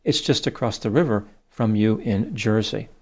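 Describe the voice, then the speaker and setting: A man reading out the messages of a flirty female AI chatbot, slowly and plainly. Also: fairly low pitch, breathy edge. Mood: gushing.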